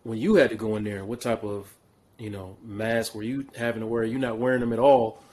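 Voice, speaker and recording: Lowish male host, hesitant questions. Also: fairly even intonation, fairly quick, a little mellow. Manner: hesitant, with many fillers and restarts. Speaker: podcast host. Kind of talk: casual interview.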